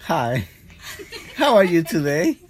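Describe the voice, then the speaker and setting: Slow-speaking man in his forties. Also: fairly high pitch, huge pitch swings, slight background noise. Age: 40s. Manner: short answers, hesitant, laughing. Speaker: interviewee, father.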